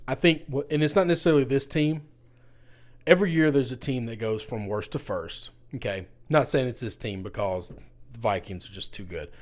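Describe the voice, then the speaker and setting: A man's voice: mid-range voice, darkish tone. A man co-hosting a podcast in casual sports chat, opinionated and often talking over his co-host. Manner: opinionated, talks over his co-host, quick bursts of emphasis.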